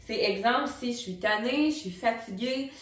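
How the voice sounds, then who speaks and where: A woman's voice: on the high side, normal speed. A woman with a Quebec French accent giving an informal, encouraging tutorial as a vocal coach, speaking directly to the viewer. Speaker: singing teacher and vocal coach. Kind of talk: tutorial explanation to camera. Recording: roomy echo, distant microphone.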